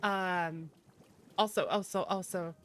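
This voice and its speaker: A woman streams as a virtual YouTuber, speaking slowly in a lowish, steady voice with slight background noise and background music. Her chat with viewers is casual and playful; she teases them and reacts animatedly to their messages.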